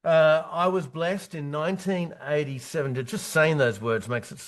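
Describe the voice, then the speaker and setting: A man's voice: on the high side, normal speed. A man in his fifties giving a punchy motivational presentation as a business coach, talking in short, repeated phrases with frequent "right?" tag questions. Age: 50s.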